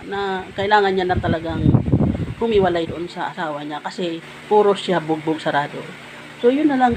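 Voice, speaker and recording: A woman vlogger casually telling a personal story to her viewers, chatty and full of fillers. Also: medium pitch. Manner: chatty, addresses viewers as guys, many fillers like ano. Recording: noisy background.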